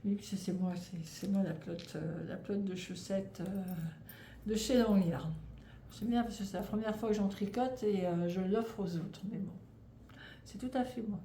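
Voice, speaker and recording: French woman, 30s, casual knitting vlogger, rambling and stumbling, mellow tone, echoey room. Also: mid-range voice, moderate pace. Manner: rambling, stumbling, frequent fillers and restarts. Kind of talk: casual chat. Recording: echoey room, faint background noise.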